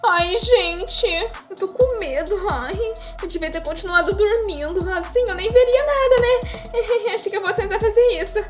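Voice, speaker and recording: Woman doing a very high, panicky toy pony. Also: normal speed, few pauses, faint music behind. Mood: panicked. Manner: breathless exclamations, dramatic wailing. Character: panicky, easily frightened female toy pony. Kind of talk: homemade toy-play story.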